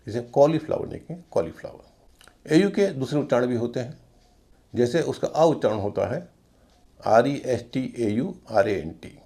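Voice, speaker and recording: A man teaching English pronunciation, slowly spelling out words letter by letter and repeating each one. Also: mid-range voice, gravelly, warm tone.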